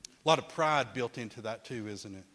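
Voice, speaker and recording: A man's voice: mid-range voice, moderate pace, fairly bright tone, a little hiss or hum. A middle-aged man teaching a Bible class in a conversational way, often restarting words and putting questions to his listeners.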